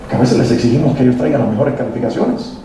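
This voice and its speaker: Racing through a motivational talk for parents, a Latin American workshop speaker uses a mid-range, mellow, expressive voice and throws rhetorical questions at his audience. He's recorded from a distance in a very echoey hall with faint noise.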